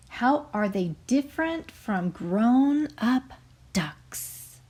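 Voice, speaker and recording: A woman teacher with a medium-pitched voice reads a story aloud to young children, expressively and with careful enunciation, pausing to explain.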